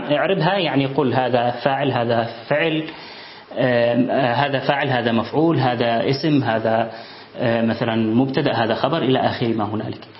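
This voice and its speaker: A man giving an Islamic studies lesson, reading from a book and explaining it in a measured way with thinking pauses. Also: a little high. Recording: roomy, dull lo-fi sound.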